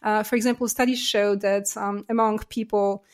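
A woman's voice: medium pitch, little pitch movement, moderate pace. Middle-aged woman from Poland, explaining. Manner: thoughtful, explanatory, many fillers. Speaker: guest, science journalist. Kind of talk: interview answers.

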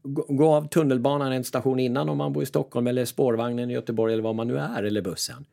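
Speaking in a mid-range voice with vocal fry, a man who coaches people mentally gives casual, lively advice, making fun of himself and acting out his inner voices.

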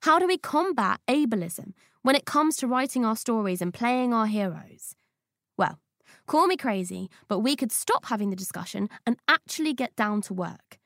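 A woman reads a personal essay in a playful, witty way, dropping slang with comic timing. Her voice sits a little high and carries a gravelly fry. The recording is close and dry. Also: animated, normal speed, fairly bright tone, no room sound. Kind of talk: scripted audiobook essay reading.

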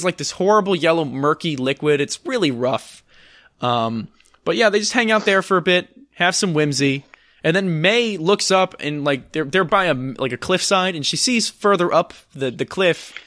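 A man with a bright, animated, fairly high voice chats casually on a podcast. He rambles with fillers and dry sarcasm. The sound is close and dry. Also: moderate pace, no room sound. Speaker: podcast co-host recapping films. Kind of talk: casual chat.

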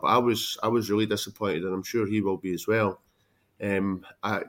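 A man's voice: lowish voice, a bit bright. A man giving casual, conversational football analysis as a podcast panellist.

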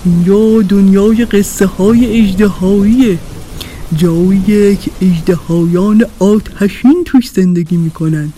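A woman voicing a big, friendly, boastful male dinosaur in a children's audio story, speaking slowly and loudly. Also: a little hiss or hum, close to an everyday voice. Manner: slow, loud and booming, proud.

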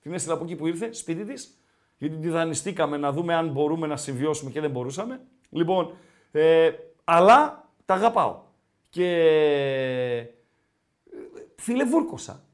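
Lively high-voiced man hosting a chat show. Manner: animated, reads out viewer messages, repeats phrases. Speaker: podcast host. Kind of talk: casual football chat on a live show.

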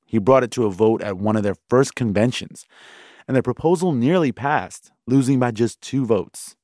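A man's voice: medium pitch, moderate pace, a little mellow, dry recording, clean studio sound. A man hosting and narrating a documentary in a scripted storytelling style. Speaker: host and narrator. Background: music.

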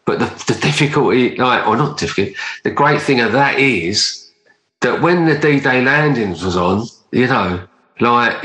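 Male podcast host, forceful bright tone, earnest rambling conversational delivery, echoey room. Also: mid-range voice. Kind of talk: casual conversational interview. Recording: roomy echo.

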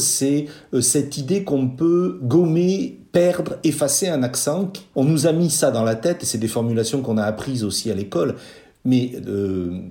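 A man explains his field in a measured interview answer, pausing often to find the right words. His voice is mellow and dark. The sound carries a roomy echo around him. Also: medium pitch. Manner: measured, deliberate, many hesitations. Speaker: linguist guest.

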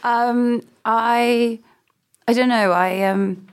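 A woman's voice: fairly high pitch, fairly even intonation, extremely slow. A woman with a modern British Received Pronunciation accent, chatting reflectively in a hesitant, self-deprecating, digressive way as an interview guest. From England. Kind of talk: casual reflective conversation.

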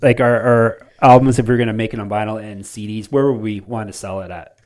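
A man's voice: fairly low pitch, fairly even intonation, fast talker, a little mellow. Playful middle-aged man hosting a podcast. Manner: playful, joking, self-teasing. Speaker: podcast host. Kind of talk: casual podcast chat.

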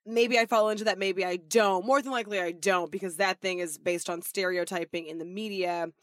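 Woman podcast co-host, mid pitch, dry close mic, thoughtful and affirming. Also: fairly even intonation, brisk, dry recording. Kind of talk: casual conversational podcast.

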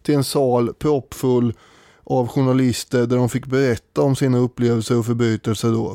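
A man's voice: medium pitch, little pitch movement, warm tone, no echo, studio quality. A man co-hosting a casual history podcast, thoughtful and hesitant, with frequent fillers as he talks. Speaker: podcast co-host.

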